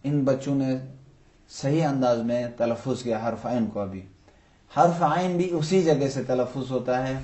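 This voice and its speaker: A man teaching Quran recitation to children, patiently posing questions and slowly drawing out example words to show each sound. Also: mid-range voice, dark tone. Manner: patient, poses questions then answers them. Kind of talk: tajweed lesson for children.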